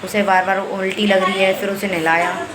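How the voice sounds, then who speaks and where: A woman's voice: medium pitch, level tone, moderate pace, background noise. Chatty woman vlogging from home. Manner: chatty, talks to camera and to her sick child. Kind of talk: casual home vlog.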